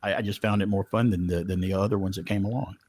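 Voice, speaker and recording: A man on a casual panel chat, enthusiastic and opinionated, often trailing off quietly. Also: low voice, fairly even intonation, fast talker, breathy edge. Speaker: panel co-host.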